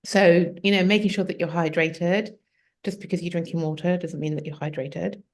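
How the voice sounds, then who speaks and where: A woman, a health coach as guest, explaining at length in a relaxed conversational way with many fillers. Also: fairly low pitch, normal speed. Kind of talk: conversational interview.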